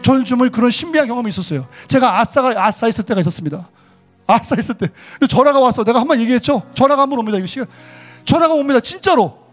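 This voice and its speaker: A man with a high-pitched voice preaches with lively, animated delivery, acting out quotes along the way. Faint music is heard underneath. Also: very fast. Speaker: pastor. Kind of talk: sermon.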